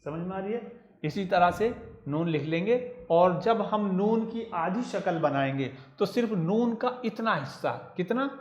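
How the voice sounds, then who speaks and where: A man teaching a children's writing lesson, patiently spelling out letters one by one and repeating each step. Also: sits high. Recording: roomy echo.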